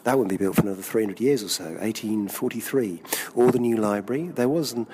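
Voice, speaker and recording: A man with a fairly low voice talks his way through an outdoor walk in a chatty, enthusiastic manner, pointing out the sights as he goes. The recording was made on location with a handheld recorder, and some faint background noise comes through. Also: fast, warm tone. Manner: chatty, enthusiastic commentary while walking. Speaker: walking tour guide. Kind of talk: on-location podcast narration. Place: outdoors walking through city streets and courtyards.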